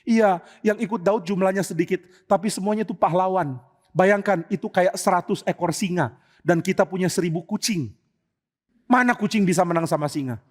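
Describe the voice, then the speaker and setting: A man's voice: high voice, normal speed, long reverb tail. A man plays a crafty advisor who is secretly loyal to the old king. He speaks in a coaxing, persuasive way. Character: loyal male friend posing as advisor, crafty.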